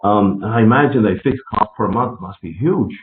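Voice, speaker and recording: A man's voice: lowish voice, moderate pace. A man hosting a casual business meeting over a group voice call. He talks in a chatty way, with many fillers and laughs between points. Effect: group voice call, heard over a conference line. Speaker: meeting host for a real estate network. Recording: tinny echoey call line with faint hiss.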